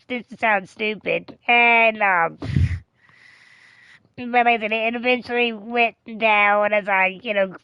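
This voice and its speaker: Candid woman streamer, smooth dull-toned voice. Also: fairly high pitch, no echo. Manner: chatty and candid, swears freely, laughs often. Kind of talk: casual storytelling on a live stream.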